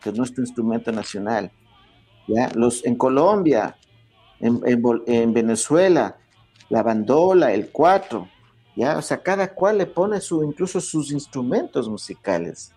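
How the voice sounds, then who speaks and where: Warm and breathy-edged, this medium-pitched voice belongs to an Ecuadorian guest explaining music history at a measured, animated pace. He lectures, often asks "¿ya?", and restarts many times in this interview talk.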